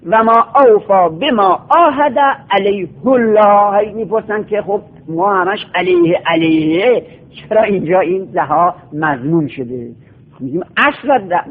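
Man, high-pitched, lecturing teacher, repetitive drilled explanations, phone-line audio. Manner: explains by repeating word forms in drilled lists. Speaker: teacher of Quranic recitation and Arabic grammar. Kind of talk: classroom lecture.

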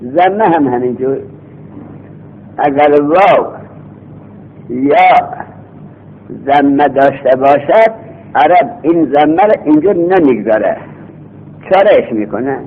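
A man teaching a grammar class, repeating each rule slowly and then explaining it in quick bursts, heard from an old cassette recording. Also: fairly high pitch, animated. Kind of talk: classroom lecture. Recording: lo-fi cassette tape, thin phone-like sound.

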